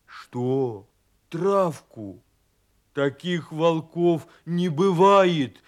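A man voicing a frightened little bear cub who shouts and blusters defensively. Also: a little high, expressive, slow. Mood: alarmed.

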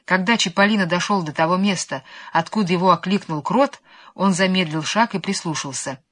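A woman reading a children's story aloud in an expressive, animated, playful way. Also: lowish voice, brisk.

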